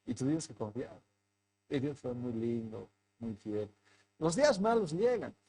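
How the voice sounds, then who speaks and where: A man, a pastor, tells a personal story in a sermon, acting out the dialogue, and rises into forceful preaching. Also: mid-range voice, expressive, a little slow. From Bolivia.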